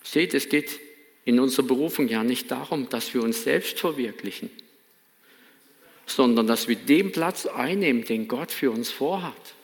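German pastor preaching in a reverberant hall. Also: male voice, mid-range voice, normal speed, gravelly. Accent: Baden German. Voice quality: earnest, emphatic preaching with repeated phrases. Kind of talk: sermon. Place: church hall.

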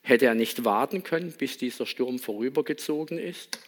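Man, pastor, sermon, rhetorical questions, reflective, mid pitch. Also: moderate pace.

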